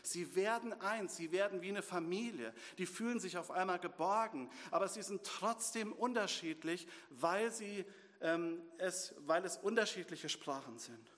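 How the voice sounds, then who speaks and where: Preaching man with a high voice in a reverberant hall. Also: moderate pace. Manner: lively, asks and answers rhetorical questions. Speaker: pastor. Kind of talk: sermon.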